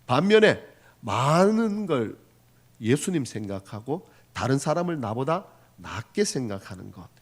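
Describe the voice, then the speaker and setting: A male pastor from the region preaching a sermon, earnest and storytelling, moving from loud exhortation to soft asides. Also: medium pitch, very animated, measured pace. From Gyeongsang region, Korea. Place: church sanctuary.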